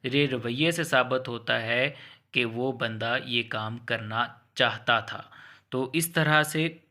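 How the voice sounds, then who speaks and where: Speaking slowly in a mid-range voice with a sharp edge, this Pakistani-accented man delivers an explanatory law lecture built around hypothetical examples. His approach is chatty and methodical: he goes one step at a time, circles back over points, and drops in English legal terminology.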